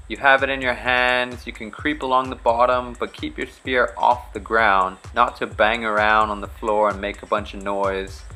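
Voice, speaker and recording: Bahamian man explaining spearfishing technique. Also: mid-range voice. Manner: relaxed, practical, step-by-step explaining. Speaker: charter fishing captain. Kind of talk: instructional vlog narration.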